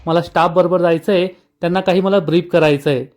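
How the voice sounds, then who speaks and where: A man's voice: high voice, fairly even intonation, brisk, darkish tone, close to an everyday voice. A man voicing a polite but firm young female employee.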